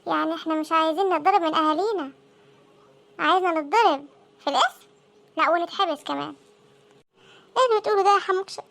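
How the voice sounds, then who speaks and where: Panicky teenage students in a comic cartoon, with an Egyptian accent, all voiced by a woman. The voices are extremely high and sharp, in squeaky, sped-up chatter at a breakneck pace. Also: very fast, gravelly, long pauses, full character voice. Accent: Egyptian Arabic. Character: panicky teenage students dreading exam results.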